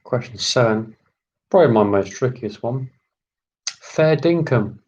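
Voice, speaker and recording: A man hosting a live online quiz, reading out each question slowly and repeating every term. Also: medium pitch, expressive, darkish tone, husky, lo-fi sound. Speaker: quiz host.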